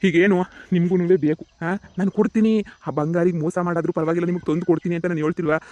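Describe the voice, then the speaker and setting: A man's voice: sits high, fairly even intonation, fast talker, a little mellow, dry recording, natural voice. A man voicing a harried, grumbling village husband. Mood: placating. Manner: placating, grumbling. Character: harried middle-aged village husband caught between women. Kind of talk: cartoon comedy voice acting.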